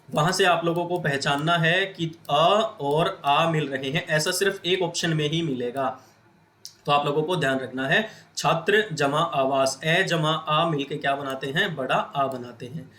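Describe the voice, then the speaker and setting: A man's voice: on the high side, bright, forceful tone. A man with a Hindi accent teaching a grammar lesson, asking the viewers questions and answering them himself. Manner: repetitive question-and-answer explaining, addresses viewers as friends.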